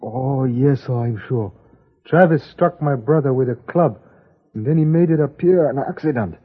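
An actor playing a humble young male servant in an old radio drama, speaking deferentially in halting broken English. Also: a little high, animated, husky, exaggerated voice. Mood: earnest. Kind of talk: 1950s radio drama acting. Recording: tinny old radio broadcast.

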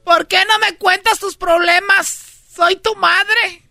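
A shrill scolding Mexican mom. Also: male voice, fairly even intonation, slow pace, gravelly, sharp tone, no room sound, clean studio sound, soft background music, heavily acted. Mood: nagging. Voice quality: shrill falsetto. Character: scolding Mexican mom, nagging then furious.

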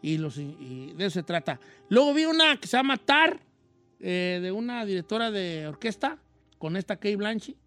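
Don Cheto: a man doing a high folksy old Mexican host. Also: sing-song, moderate pace, a bit bright, faint music behind. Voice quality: high, slangy and rambling. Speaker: radio host. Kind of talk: casual radio chat, film recommendations.

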